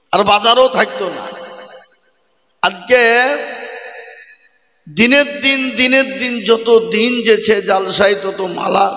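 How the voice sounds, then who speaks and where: A male preacher delivers a fiery sermon in a high, piercing voice. He slips into lilting, half-sung verses and keeps pressing the crowd for answers. His voice carries a long, roomy echo from loudspeakers at a large gathering. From West Bengal, India. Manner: repeatedly demands answers from the crowd. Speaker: Islamic preacher.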